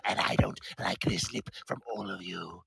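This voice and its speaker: A man's voice: sits low, normal speed, creaky, noisy background, pitched below the performer's own voice. A man voicing a haughty, deposed plant lord who sneers and threatens everyone around him. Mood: indignant.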